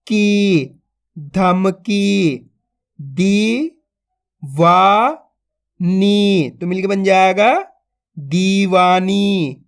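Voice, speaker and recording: A man teaching Hindi reading, spelling words out syllable by syllable and then blending them, asking and answering his own questions. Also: high-pitched. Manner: addresses viewers as friends, asks and answers his own questions. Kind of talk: slow syllable-by-syllable reading lesson.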